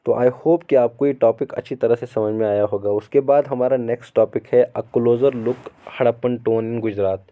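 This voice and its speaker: A man teaching a school history lesson, reading English textbook lines slowly and then explaining them at length, with many repetitions. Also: medium pitch, fairly even intonation. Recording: phone-like narrow sound.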